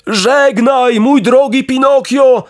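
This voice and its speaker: Guy putting on a squeaky yelling storybook bulldog, slow and drawn out. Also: steady tone. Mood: grateful, pointed. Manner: shouting, pleading, drawn-out. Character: frantic drowning bulldog, male, later smug.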